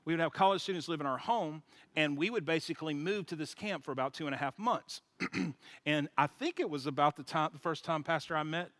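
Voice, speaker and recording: Animated male guest preacher, comic storyteller, bright tone. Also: on the high side, brisk, no echo. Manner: animated, joking, laughs at his own story. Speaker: guest speaker at a church. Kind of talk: humorous storytelling sermon.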